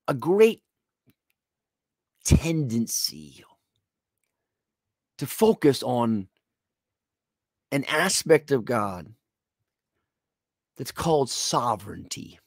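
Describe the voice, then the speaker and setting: A man's voice: mid-range voice, sing-song, drawn-out words, long pauses, darkish tone, dry recording, studio quality. A man preaching a televised sermon, speaking straight to the viewer in an earnest, pleading way.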